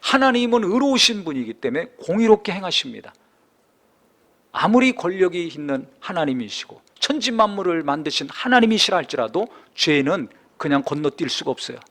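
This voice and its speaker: A man preaching a sermon as pastor, building from calm explanation to impassioned, near-shouted climaxes. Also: sits high, brisk.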